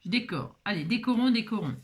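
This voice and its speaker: A woman's voice: a little high, expressive, brisk, a little hiss or hum. Chatty woman hosting a craft tutorial. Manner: chatty, often checks in with the viewer; thinks aloud with many fillers while working. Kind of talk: casual step-by-step craft demonstration.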